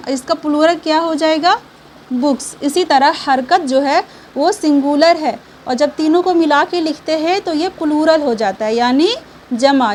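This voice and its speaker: A young woman with a high voice teaches an online reading lesson. She speaks patiently and keeps checking in with her listeners. She drags each syllable out slowly so every sound is clear, and faint noise sits under her voice.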